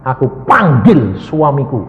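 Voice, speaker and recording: A preacher voicing a crying woman in church who shouts out that she believes, in a high voice. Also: very animated, unhurried, dull audio, loud music behind the voice. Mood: overjoyed. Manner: high, cries out in faith. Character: sobbing overjoyed woman in church. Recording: echoey hall with reverb.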